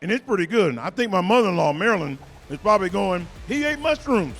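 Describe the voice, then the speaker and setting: Animated male co-host talking fast. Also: sits high, vocal fry, big-room sound, faint music behind. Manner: jokey and animated. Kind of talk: casual banter.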